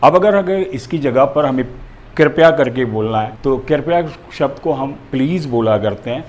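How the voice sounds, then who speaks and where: A man's voice: medium pitch, lively intonation, normal speed, darkish tone, a little hiss or hum. A male teacher explaining a grammar lesson, methodical and going through examples step by step.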